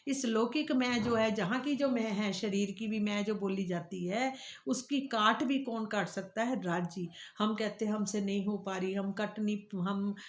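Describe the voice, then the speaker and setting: A woman teaching devotional scripture, who asks questions and answers them herself, and sings the verses slowly. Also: medium pitch, roomy sound.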